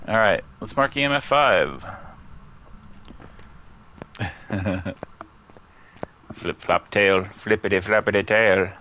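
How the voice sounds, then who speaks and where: A low-pitched man giving easygoing let's-play commentary, his voice bright and clear. He is chatty and quick to laugh, and he wanders off to talk about his cat between moves. His pitch swings widely as he talks. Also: sing-song, highs cut off, a little hiss or hum. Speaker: gaming streamer. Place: at home near a couch.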